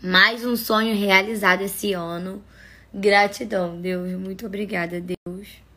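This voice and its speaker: Young Brazilian woman, casual phone vlogger, husky voice, emotional and laughing. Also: medium pitch, steady tone, unhurried, pushed and bright. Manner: gushing, emotional, laughs often. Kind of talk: casual phone-story vlog.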